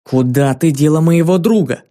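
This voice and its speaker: A man doing a fierce shouting young girl. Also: fairly high pitch, moderate pace, close to an everyday voice. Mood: indignant. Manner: shouting, defiant.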